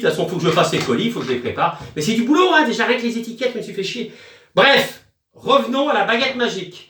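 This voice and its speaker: Man with a high voice, rambling and joking, crude asides, distant from the mic. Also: bright, forceful tone, echoey room. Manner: chatty, crude jokes, chants nonsense magic words. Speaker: video host.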